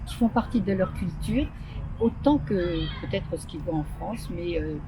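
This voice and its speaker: A woman's voice: mid-range voice, lively intonation, moderate pace. A woman, a parent, speaking hopefully while searching for her words. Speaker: parent and donor. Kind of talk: interview testimonial. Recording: noisy outdoor recording.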